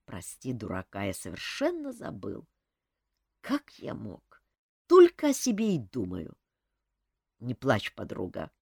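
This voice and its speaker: Woman voicing a big gruff kindly warrior man. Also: extremely low pitch, wildly swooping pitch, a little slow, long pauses, a little mellow, no echo, clean studio sound, voice pushed down, full character voice. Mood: consoling.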